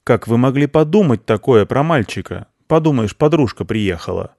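A man's voice: medium pitch, lively intonation, moderate pace, darkish tone, dry recording, clean studio sound, voice pushed up. A man voicing a mild, reasonable young schoolboy in a storybook. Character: shy, proud young schoolboy. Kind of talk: audiobook character voice.

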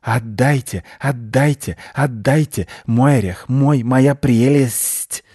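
A man's voice: mid-range voice, takes it slowly, warm tone, husky, no room sound, studio quality, pitched above the performer's own voice. A man voicing a greedy, hysterical female squirrel who shrieks and rants in a storybook reading. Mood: shrieking. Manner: shrieking, frantic, paranoid.

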